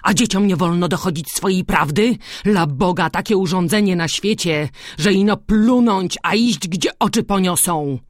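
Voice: mid-range voice, moderate pace, few pauses, no room sound, studio quality, voice pushed up, lightly acted. A reader voicing an angry, resentful young male peasant who grumbles, in an audiobook. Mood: bitter.

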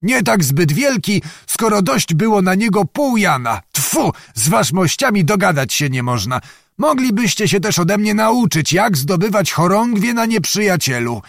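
A man's voice: sits high, very animated, moderate pace, creaky, no echo, studio quality, voice pushed up, full character voice. A man voicing Zagłoba, a blustering old nobleman. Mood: mocking. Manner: bragging, grumbling, theatrical. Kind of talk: audiobook character reading.

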